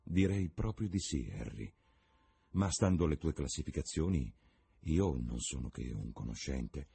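Male reader as a quiet, earnest painter; dark, husky timbre. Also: a bass voice, animated, unhurried, heavily acted.

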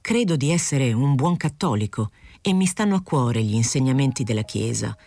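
A woman's voice: rumbling low, lively intonation, normal speed, mellow, no room sound, studio quality, heavily acted. A woman voicing a hesitant, confused male journalist. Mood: perplexed. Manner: apologetic, self-justifying.

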